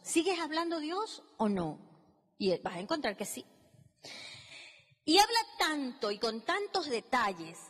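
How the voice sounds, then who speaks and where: A woman preacher giving an emphatic, dramatic sermon in a church hall, acting out biblical dialogue. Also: a little high. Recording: long reverb in a large hall.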